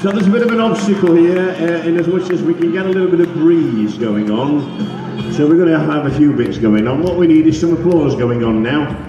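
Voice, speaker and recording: A man's voice: on the high side, a little fast, muffled recording. A man announcing a live stunt show like a kids show host, coaxing the crowd for applause and putting questions to the children. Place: outdoor show, over a loudspeaker system. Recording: echoey outdoor PA, far off, music and crowd. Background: music and crowd.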